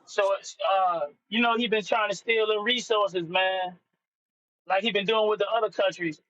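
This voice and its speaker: A man calling in on a video call over a poor connection, talking in a halting, casual way with many fillers and restarts. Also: sits high, steady tone, bright, forceful tone. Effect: on a video call with a bad signal. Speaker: caller on a live discussion. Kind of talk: casual chat. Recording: dull lo-fi call audio.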